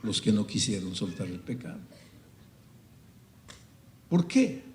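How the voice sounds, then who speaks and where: A man preaching a sermon, telling a story with sudden swings from hushed, quiet passages to loud, soaring cries. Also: fairly low pitch, big pitch swings, slow pace, echoey room, slight background noise.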